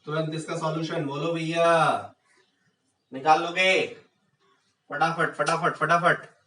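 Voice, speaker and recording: Casting: male chemistry tutor, high voice, fires rhetorical questions at the class, echoey room, mic at a distance. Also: level tone, takes it slowly, pushed and bright. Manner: rhetorical questions, urging students on. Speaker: chemistry teacher. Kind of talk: exam-prep lecture.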